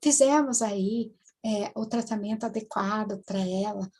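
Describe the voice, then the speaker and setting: Halting woman telling a case story. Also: medium pitch, a little mellow. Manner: halting, many tag questions and restarts. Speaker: hypnotherapist. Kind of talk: storytelling lecture to students.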